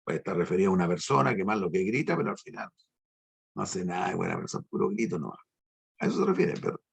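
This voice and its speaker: Gravelly man teaching a lesson. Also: low voice, very animated. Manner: slow, emphatic, drawn-out explanations with tag questions. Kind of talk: online language lesson.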